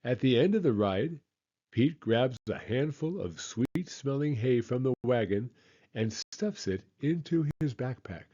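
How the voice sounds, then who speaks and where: A man reading a children's picture book aloud with expressive, measured storytelling. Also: medium pitch, dull audio.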